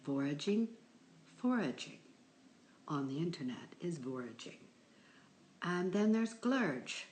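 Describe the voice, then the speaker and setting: A middle-aged woman hosting a live stream from home, playfully reading odd words from a book and chatting, at times dropping to a whisper. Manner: playful, drifts into soft whispers and high exclaims. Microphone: phone.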